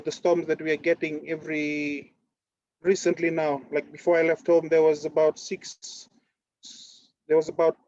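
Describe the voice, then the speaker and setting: Activist presenter, thirties; halting, filler-heavy, slightly high, dry and muffled video call sound. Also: male voice, dark tone, no echo. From Fiji. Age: 30s. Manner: halting, many fillers and restarts. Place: on board a ship at sea.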